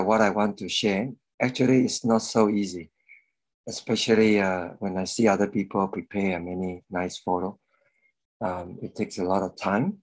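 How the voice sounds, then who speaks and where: A middle-aged man from Malaysia giving a halting personal testimony over a video call, with many fillers and pauses. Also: low-pitched, rough recording. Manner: slow and hesitant, many fillers. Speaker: guest speaker giving a testimony. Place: indoor room at home. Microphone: video call webcam with earphones.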